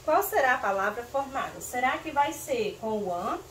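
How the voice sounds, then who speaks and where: A woman teacher from northeastern Brazil leading a slow, patient reading lesson for young children, sounding out syllables clearly and calling on pupils by name. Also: on the high side, lively intonation, fairly bright tone. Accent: Brazilian Portuguese, northeastern. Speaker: primary school teacher. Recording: roomy, distant mic with faint noise.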